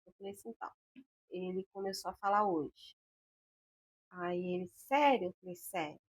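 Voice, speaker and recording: A woman's voice: on the low side, moderate pace, husky. A woman, an interview guest telling a personal story about her son and acting out the voices of the people in it. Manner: animated, acts out the dialogue she recounts. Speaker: interview guest, mother of a patient.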